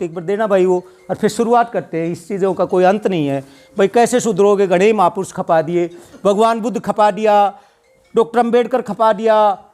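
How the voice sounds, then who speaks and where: A man's voice: high voice, a little mellow. A man around sixty, giving a fiery, scolding public speech full of rhetorical questions at a Buddhist temple gathering. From Haryana, India. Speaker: retiring speaker at a Buddhist gathering.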